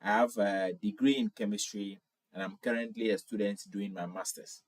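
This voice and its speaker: A man's voice: fairly low pitch, fairly even intonation, moderate pace, no echo. A man in his twenties from Ghana with a Ghanaian accent, hosting a casual livestream, reading viewer comments aloud and answering them in a friendly way, often repeating himself. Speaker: livestream host.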